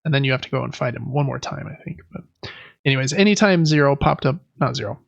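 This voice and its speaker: A podcast host with a fast, creaky, medium-pitched voice chats casually about video and board games, rambling slightly and correcting himself along the way. The audio is dull with no room sound.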